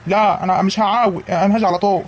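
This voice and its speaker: A man's voice: sits high, steady tone, very fast, a little hiss or hum, natural voice. A man with an Egyptian accent voicing a practical middle-aged village husband in a cartoon comedy, plain and matter-of-fact. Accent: Egyptian Arabic. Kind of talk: animated cartoon acting.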